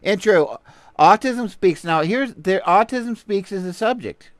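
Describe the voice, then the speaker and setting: A man's voice: high voice, expressive, unhurried, no room sound. A man with a Texan accent hosting a casual livestream, rambling playfully and greeting viewers while he browses. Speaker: livestream host.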